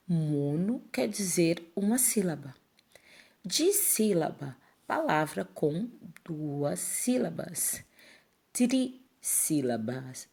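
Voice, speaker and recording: Slow, gravelly-voiced woman teacher. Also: lowish voice, darkish tone. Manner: slow, clear dictation, syllable by syllable; checks in with pupils. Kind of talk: classroom lesson for children.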